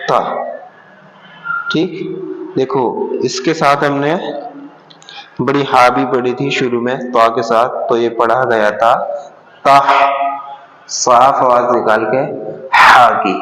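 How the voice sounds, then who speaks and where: A male teacher sounds out letter pairs in an unhurried, patient way and repeats each syllable. He speaks very slowly at a middle pitch. His voice rings in a room with a long, echoing reverb. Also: fairly even intonation, bright, forceful tone. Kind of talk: slow alphabet lesson.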